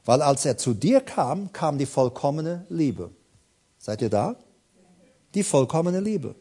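A man preaching a sermon with fervor, repeating phrases for emphasis and swinging from quiet, intimate words to loud cries while addressing his congregation directly. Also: mid-range voice, big pitch swings, unhurried, slightly rough.

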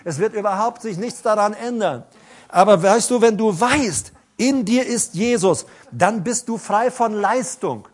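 A middle-aged man preaching a sermon, telling personal stories in an animated way with some stammering. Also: sits high, unhurried.

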